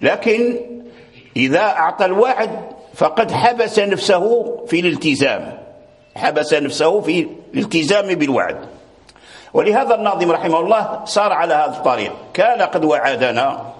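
A man's voice: a little high, expressive, normal speed. A man teaching a lesson on Quran recitation, patiently repeating words and phrases as he explains. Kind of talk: religious lecture.

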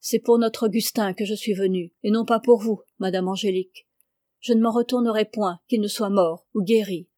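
A woman reading as a gruff old peasant nurse. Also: mid-range voice, steady tone, moderate pace, mellow, no echo, studio quality, close to an everyday voice. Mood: defiant. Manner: blunt, grumbling, tenderly protective.

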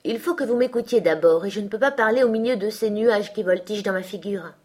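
A woman's voice: mid-range voice, quick pace, a little mellow, lightly acted. A woman reading a French audiobook and voicing a moody, petulant young woman who pleads and begs. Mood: pleading, insistent. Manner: pleading and imploring. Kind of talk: audiobook character voice.

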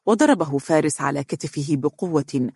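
A man narrating a novel in a steady, even storytelling voice. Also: on the high side, moderate pace, creaky, slightly rough, dry recording, studio quality. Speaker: audiobook narrator. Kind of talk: scripted narration.

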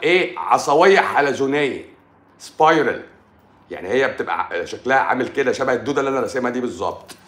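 Egyptian doctor guy ranting about medicine, mocking and emphatic, mid pitch, echoey room. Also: a bit bright. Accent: Egyptian Arabic. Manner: mocking, emphatic, colloquial, with English medical terms. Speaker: doctor giving a health talk. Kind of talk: animated lecture.

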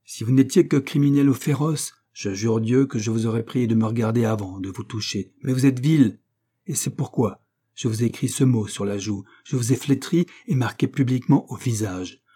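A man's voice: mid-range voice, normal speed, mellow, slightly rough, lightly acted. A man voicing a proud, righteous nobleman and sea captain who speaks with stern, declamatory force. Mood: indignant.

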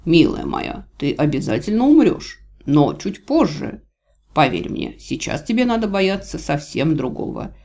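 A cruel villain god drawls his threats with slow, silky menace, as a woman reading a storybook puts him on. The voice sits low and a little louder than the narration, calm and mocking. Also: full character voice. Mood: menacing. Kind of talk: audiobook character voice.

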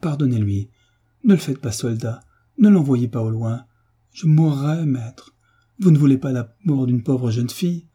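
A man voicing a tearful young peasant girl who begs for mercy, in a dark, husky tone. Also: mid-range voice, moderate pace, voice pushed up, close to an everyday voice. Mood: tearful pleading. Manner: begging, sobbing pleas.

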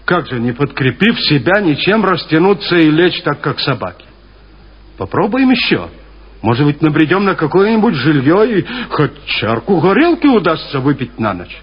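A man's voice: a little high, sing-song, normal speed, husky. A man doing a wheedling hungry young student. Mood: coaxing. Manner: pleading, coaxing. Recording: dull lo-fi studio recording.

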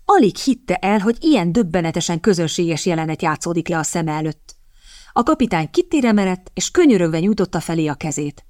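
A woman reading an audiobook in a measured, even scripted narration, recorded close on a studio mic. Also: lowish voice, dry recording.

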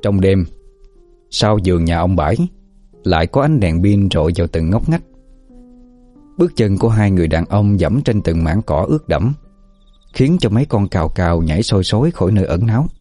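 A man calmly narrating a scripted folk ghost story, with faint music behind. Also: low-pitched, fairly quick, long pauses.

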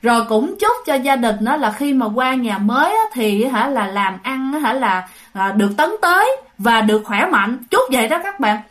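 A woman's voice: on the high side, animated, moderate pace, a bit bright. A woman telling a ghost story in a chatty way, often turning to her listeners directly. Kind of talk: spoken ghost story narration.

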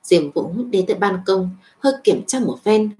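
A woman reading a web novel aloud as narrator, in an even storytelling voice with small lifts for dialogue. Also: mid-range voice, moderate pace.

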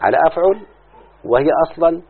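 A man's voice: on the high side, animated, fast talker, slightly rough. A man with an Egyptian accent teaching a grammar lesson, drawing out key words and asking his students to confirm each step. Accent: Egyptian Arabic. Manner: repeats questions to students, stretches out key words. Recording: phone-like lo-fi recording.

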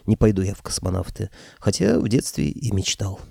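A man narrating a humorous fantasy audiobook in a lively, ironic storytelling manner. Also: on the low side, brisk, creaky, breathy edge, no room sound, clean studio sound. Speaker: audiobook reader.

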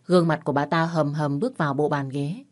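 A woman narrating a first-person audio story in a steady, plain storytelling manner. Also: low voice, fast talker.

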